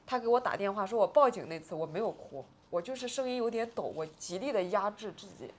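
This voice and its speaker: A woman in her forties, appearing as an interview guest, tells a painful personal story. Her medium-pitched voice has lively intonation and moves fast, swinging agitatedly and tearfully between subdued and raised.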